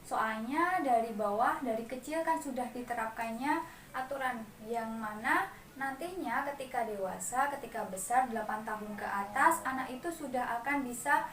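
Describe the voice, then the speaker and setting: Speaking at a normal speed, a high-voiced woman with a fairly bright tone runs a parenting class, calling her group mothers and guiding them stepwise. She leads clap chants too. A little hiss or hum sits in the recording, which comes from a distant mic in an echoey room with faint ambience.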